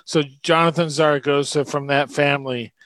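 Casual male podcast guest, slurred thick-tongued speech as if the tongue is swollen, slightly raised pitch, searching for words. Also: steady tone, normal speed, fairly bright tone, dry recording. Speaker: guest, food writer. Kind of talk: casual interview talk.

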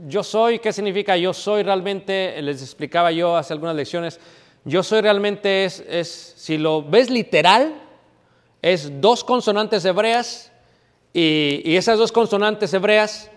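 A man preaching a sermon, emphatic, asking questions and answering them himself. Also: unhurried. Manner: emphatic teaching, asks and answers his own questions; drops to a quiet, low voice when telling a personal story. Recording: hall with long reverb.

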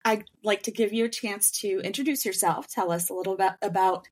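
A woman's voice: mid-range voice, brisk, a little hiss or hum. Friendly woman podcast host. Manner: friendly, hesitant fillers, light laughter. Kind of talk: podcast interview.

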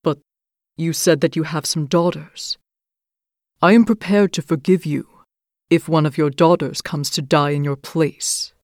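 A woman's voice: deep voice, fairly even intonation, measured pace, darkish tone, no room sound, clean studio sound. A woman voicing a stern, proud male beast in a storybook reading. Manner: stern, commanding.

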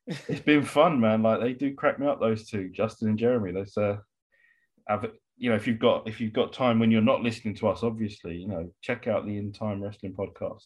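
A man's voice: fairly low pitch, a little fast. A British man co-hosting a podcast in casual chat, with loose, hesitant phrasing. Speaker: wrestling podcast co-host.

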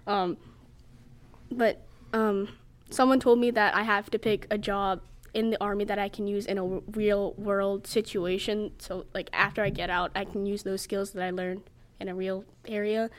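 A woman's voice: mid-range voice, level tone, moderate pace. A teenage girl hosting a casual student podcast, rambling with many fillers as she talks through her plans. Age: teens. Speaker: podcast host. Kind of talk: casual chat.

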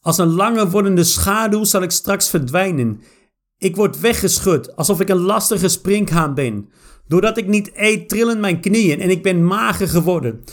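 A pastor praying fervently, with insistent, repeated declarations between scripture verses. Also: male voice, high voice, animated, normal speed. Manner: repetitive, insistent declarations of prayer. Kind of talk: fervent spoken prayer with scripture reading.

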